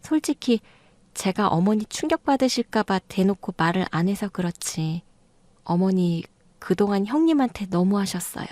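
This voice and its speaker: A woman's voice: mid-range voice, expressive, moderate pace, warm tone, no echo, lightly acted. A woman voicing a younger daughter-in-law in an audio drama, pressing and reproachful. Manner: insistent, reproachful. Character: younger second daughter-in-law, blunt and accusing.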